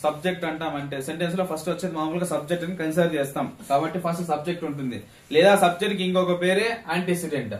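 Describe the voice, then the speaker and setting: A man teaches a grammar lesson in a classroom, his voice rather high and quick as he fires questions at the students. He keeps repeating the key terms so they will answer back. He is picked up from across an echoey room, with a faint hiss underneath. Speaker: English teacher. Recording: echoey classroom, mic at a distance, faint noise.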